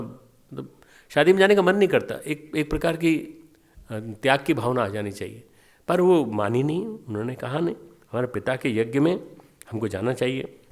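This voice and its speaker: A man giving a devotional meditation class as a spiritual teacher, telling stories and repeating phrases for emphasis. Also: mid-range voice.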